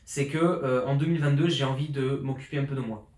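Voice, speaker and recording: Speaking fast into a borrowed pro journalist mic, a man in his 20s reviews his year as a fitness coach in a rambling, pumped-up vlog packed with fillers and restarts. His mid-range voice is a little mellow with fairly even intonation. The reverberant space is his apartment flat.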